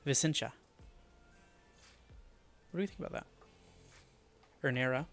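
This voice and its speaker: A man streaming live, thinking aloud as he mutters and repeats made-up names to test how they sound, often dropping to a quiet murmur. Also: medium pitch, unhurried, faint music behind. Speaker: streamer building a fantasy world.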